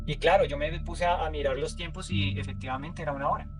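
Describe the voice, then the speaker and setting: Guy telling his story kinda slow and stumbly, lots of ehs, voice a bit high, music playing behind. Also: fairly even intonation. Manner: hesitant, with many fillers and repeated words. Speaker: interview guest sharing a testimony. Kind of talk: casual first-person storytelling. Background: music playing under the voice.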